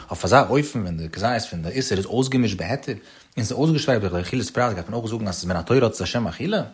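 A man's voice: mid-range voice, husky. A man teaching a Talmud lesson in a lilting study chant that rises on his questions.

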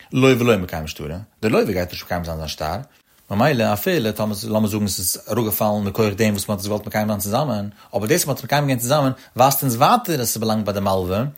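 Male teacher, fast, husky, chanting lecture delivery with big pitch swoops. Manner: sing-song, swooping up and down between phrases. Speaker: religious text teacher.

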